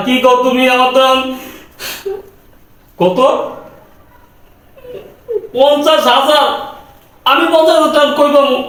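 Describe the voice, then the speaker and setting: A man's voice: extremely high pitch, fairly bright tone. A man with a Bangladeshi Bengali accent playing a desperate young servant who begs his employer in tears. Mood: worried. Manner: pleading, repeats 'sir' over and over. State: crying. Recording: echoey room, mic far off.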